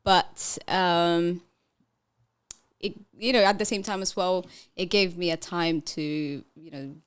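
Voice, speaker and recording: This podcast guest is a young to thirtyish woman from Ethiopia who later moved to the Netherlands. She talks in a relaxed, conversational way and laughs frequently. Her fairly low voice is clear and resonant, with a steady tone and a slow pace.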